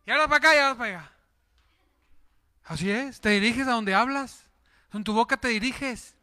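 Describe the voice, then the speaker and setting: A man preaches to his congregation, throwing out questions and jokes as he goes. His voice is high and very bright, with a smooth, clear tone. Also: moderate pace. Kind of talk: sermon.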